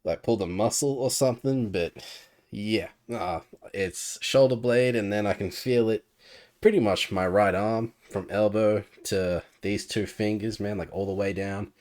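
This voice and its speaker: A young man with a lowish voice chats loosely to his viewers, rambling through fillers and restarts. His voice is a little congested from a cold. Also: measured pace, darkish tone. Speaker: YouTube reaction host. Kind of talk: casual vlog chat.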